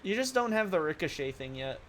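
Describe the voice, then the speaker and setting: A man's voice: high voice, big pitch swings, fairly quick, a loud crowd. A man chatting casually as a co-op partner during a gaming session. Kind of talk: casual chat while gaming. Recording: faint background noise.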